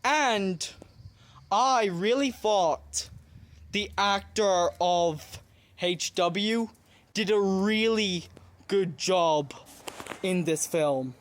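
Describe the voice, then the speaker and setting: A film reaction host giving earnest, halting commentary on a scene. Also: medium pitch. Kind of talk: casual commentary.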